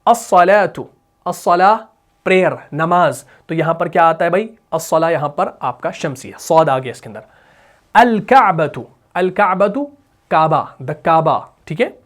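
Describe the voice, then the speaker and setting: A man teaching Arabic grammar, reciting words slowly and clearly, then explaining them quickly with repeated questions to the class. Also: on the high side, lively intonation. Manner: repeats and asks rhetorical questions. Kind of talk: classroom lesson explaining a textbook.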